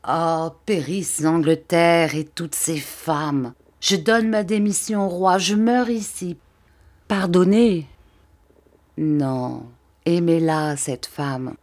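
A woman's voice: fairly low pitch, fairly even intonation, takes it slowly, darkish tone. A woman reading as a grieving, devout noblewoman. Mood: sorrowful. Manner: solemn, pleading. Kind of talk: audiobook reading.

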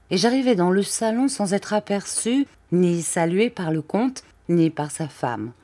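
Woman narrator, lowish voice, expressive audiobook reading of a classic novel.

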